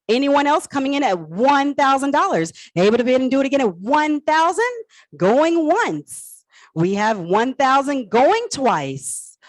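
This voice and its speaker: A woman's voice: high-pitched, dry recording. A woman auctioneer hosting a live auction, repeating bid prompts and selling in a chatty, playful way. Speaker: auctioneer and host.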